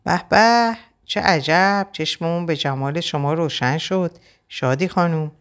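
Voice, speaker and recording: A woman's voice: mid-range voice, animated, smooth, pitched above the performer's own voice, natural voice. Woman doing a taunting, menacing man. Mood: mocking. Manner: snarling, taunting. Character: menacing abusive young man.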